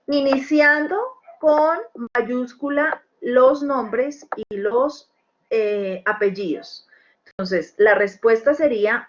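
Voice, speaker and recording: A woman explains a lesson in a slow, unhurried way and keeps checking that her students follow along. Her voice sits a little high. The recording is dull and lo-fi, with a faint hiss behind her. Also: a bit bright. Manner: patient, checks understanding with tag questions. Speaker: English teacher. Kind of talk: recorded screen-share lesson.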